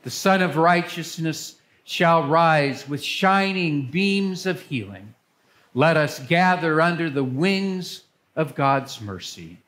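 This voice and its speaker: An older man speaking as a pastor, reading liturgy to a congregation in a church with measured, solemn phrasing. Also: on the high side, expressive, a bit bright. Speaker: pastor leading worship.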